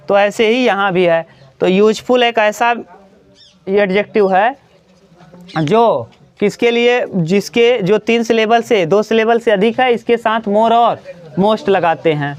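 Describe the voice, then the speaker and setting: A man teaches a grammar lesson, his voice high for a man and smooth and clear. He talks straight to his students and slows down to repeat each example. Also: highs cut off. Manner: addresses students directly, repeats examples slowly.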